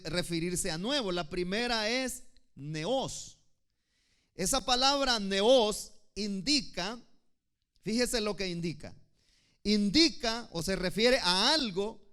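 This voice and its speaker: A male preacher from El Salvador delivers a teaching sermon, his voice sitting on the high side for a man. He lingers on key words and phrases, explaining each point to his congregation and calling them brothers. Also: a bit bright, clean tone. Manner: teaching, slow emphatic phrasing, addresses listeners as brothers.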